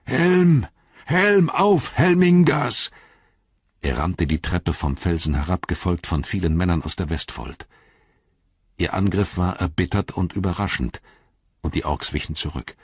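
A man with a very deep, husky voice narrates an audiobook in a measured, dramatic way. The recording is dry and a little dull, like lo-fi audio. His reading stays steady and deliberate. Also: no room sound.

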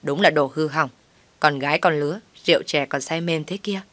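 A woman's voice: deep voice, fairly quick, fairly bright tone, no room sound. A woman voicing a spiteful young sister-in-law with a sneering, whiny way of talking.

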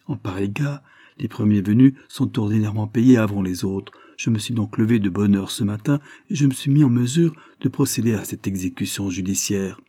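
Guy doing a polite but firm gentleman creditor, measured and formal, audiobook, husky dark tone. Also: fairly low pitch, dry recording, clean studio sound, close to an everyday voice. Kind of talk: audiobook character voice.

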